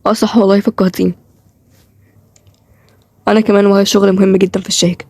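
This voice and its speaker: A woman's voice: mid-range voice, flat delivery, fast talker, darkish tone, breathy edge, no echo, studio quality. A woman with an Egyptian accent, voicing chatty characters in a cartoon role-play series. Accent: Egyptian Arabic.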